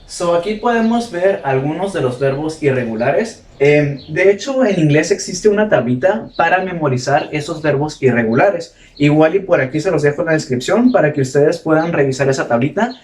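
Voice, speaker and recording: A man teaching a classroom grammar lesson, who quizzes his students and repeats example words slowly. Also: on the high side, animated. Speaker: English teacher. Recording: echoey room, mic far off.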